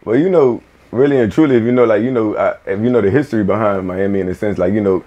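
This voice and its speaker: Laid-back Bahamian man, low voice. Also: fast talker, dark tone, lo-fi sound. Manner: laid-back, loose, many fillers and repeated words. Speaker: guest, record label owner. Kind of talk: casual interview chat. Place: small music studio indoors.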